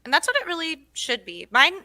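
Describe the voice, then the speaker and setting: Bright, bubbly woman livestream host. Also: very high-pitched, wildly swooping pitch, fairly quick, no echo. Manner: bubbly and exclamatory, frequent "ooh" and laughs. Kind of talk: casual livestream chat.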